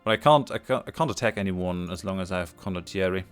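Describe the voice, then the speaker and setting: A let's play host speaks fast in a low-pitched, smooth voice over faint music, commenting casually on the strategy game he's playing. He thinks out loud in a hesitant way, with many fillers and restarts, and sounds fatigued.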